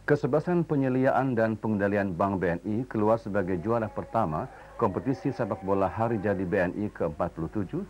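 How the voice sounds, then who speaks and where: A man with an Indonesian accent reading formal scripted television news, with measured, formal enunciation, as an anchor. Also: fairly low pitch, darkish tone. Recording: noisy old TV broadcast recording.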